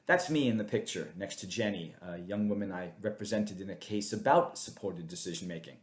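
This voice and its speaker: A man hosting a webinar, delivering scripted narration in a measured, earnest way. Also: sits low. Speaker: webinar host.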